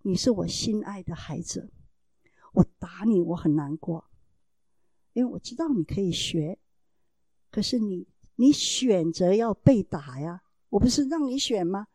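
A woman's voice: mid-range voice, lively intonation, measured pace, darkish tone, breathy edge, no room sound. A mother giving a talk to parents, telling a family story in an earnest, explaining way and acting out the dialogue in changing voices.

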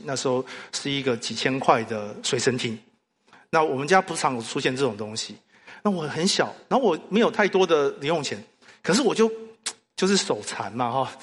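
A man preaching a sermon, telling stories and asking the congregation questions. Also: a little high. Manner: animated storytelling with rhetorical questions. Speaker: pastor. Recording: long hall reverb.

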